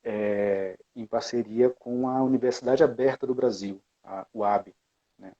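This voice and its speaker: In a relaxed interview, a Bahian man from Brazil looks back on becoming a music educator, reflective and prone to fillers and restarts. He speaks at a measured pace with a medium-pitched, steady, dark voice, and the recording sounds dull.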